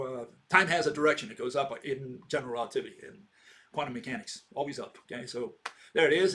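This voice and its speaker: Guy in his 60s, lecturing kinda loose, voice a bit on the high side, keeps asking himself stuff. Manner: rambling, asks himself rhetorical questions, keeps checking in with "okay?". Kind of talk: informal lecture to camera.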